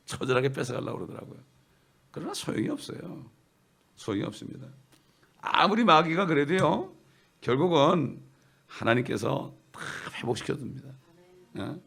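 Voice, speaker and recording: Guy preaching in church, kinda gravelly, keeps asking the crowd stuff then answering it himself. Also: medium pitch. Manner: asks the congregation questions and answers them himself; repeats key phrases for emphasis. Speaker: pastor. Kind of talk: sermon.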